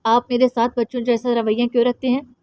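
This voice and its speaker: Woman voicing a playful young wife, high and soft. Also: level tone, a little fast, dry recording, natural voice. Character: young wife, gentle, playful, later frightened. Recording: dry, slightly dull audio.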